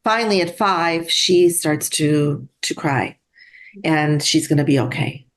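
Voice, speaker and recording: A middle-aged woman, a guest, telling a personal story in an earnest, halting way with restarts. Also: sits low.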